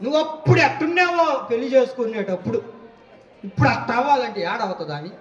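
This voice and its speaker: A man's voice: extremely high pitch, lively intonation, fast, a little hiss or hum. A man playing a scornful middle-aged husband who mocks and brushes off his wife, in an echoey room with a distant mic. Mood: mocking. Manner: taunting, dismissive.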